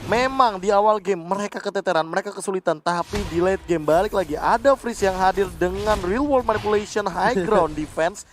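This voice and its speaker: Man, Indonesian accent, quick talker, high voice, analytical esports casting over music. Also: a little hiss or hum. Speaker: esports commentator. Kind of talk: live game analysis commentary. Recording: music behind the voice.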